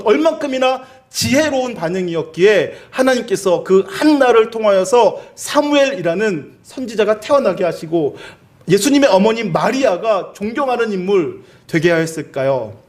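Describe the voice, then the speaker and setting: A male pastor preaching a sermon, telling the story vividly and asking the listeners questions. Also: high-pitched. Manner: animated storytelling, dramatizing quoted speech; asks the listeners rhetorical questions.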